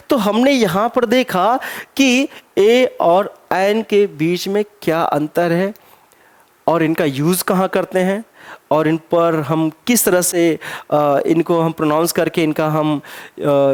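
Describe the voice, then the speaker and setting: A man teaching an exam-prep grammar lesson. He spells words out slowly letter by letter, keeps asking himself rhetorical questions and slips English phrases into his explanations. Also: sits high.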